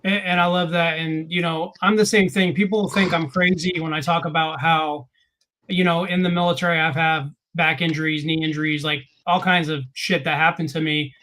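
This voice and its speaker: A man's voice: on the high side, level tone, moderate pace, sharp tone. A man hosting a podcast, speaking earnestly and encouragingly to his guest. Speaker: podcast host. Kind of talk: casual podcast conversation.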